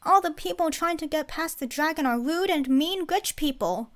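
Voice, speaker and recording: An eager young child, played by a woman reading a story aloud, pipes up in a high voice. The delivery is excited and bright-eyed, like a storybook audience member calling out. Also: moderate pace, lightly acted.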